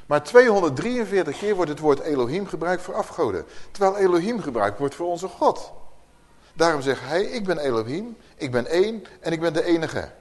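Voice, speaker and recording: A man gives Bible teaching to a listening room. His voice sits a little high and moves up and down a great deal. He reads verses out with strong emphasis and keeps asking his hearers questions. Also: normal speed. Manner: lively, asks the audience questions, reads scripture with emphasis. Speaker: preacher. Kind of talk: Bible teaching to a live audience.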